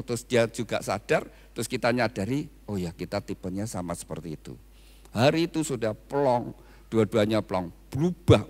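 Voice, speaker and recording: Male pastor, slightly high voice, telling a story to the congregation in a reverberant hall. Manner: storytelling, often addresses the congregation as "saudara". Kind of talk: wedding sermon with personal story.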